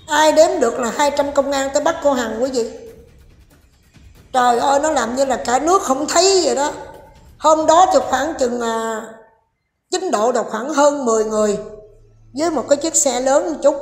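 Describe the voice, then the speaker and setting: A woman's voice: sits high, darkish tone. A woman giving a sarcastic, scolding commentary and speaking directly to her viewers. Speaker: online commentator. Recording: echoey room with long reverb and faint music.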